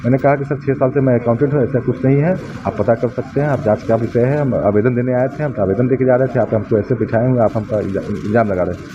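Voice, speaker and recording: Man giving halting testimony. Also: mid-range voice, highs cut off, background noise. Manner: halting, recounting, frequent fillers. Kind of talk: interview testimony.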